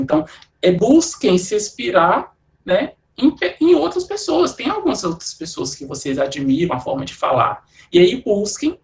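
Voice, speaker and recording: A middle-aged Brazilian man giving a lecture to students, speaking conversationally and often tagging his sentences with quick checks and restarts. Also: high voice. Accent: Brazilian Portuguese. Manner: conversational, frequent "né" tags and restarts. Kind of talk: academic talk to students.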